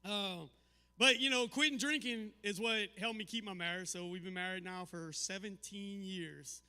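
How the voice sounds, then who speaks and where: A man doing stand-up comedy, with a dry, halting delivery full of "uh" and "um". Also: high-pitched, sharp tone, clear, resonant tone. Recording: live venue with long hall reverb.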